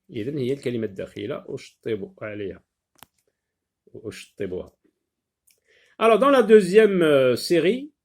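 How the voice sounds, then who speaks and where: A male teacher giving a phonics lesson for young children, repeating each word several times and pausing with frequent hesitant fillers. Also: mid-range voice, a little mellow.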